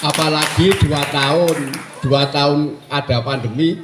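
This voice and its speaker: A man's voice: a little high, unhurried, background noise. A man in his sixties, a dancer, talking casually and animatedly, with Javanese phrases. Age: 60s. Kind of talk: casual conversation. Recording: echoey room.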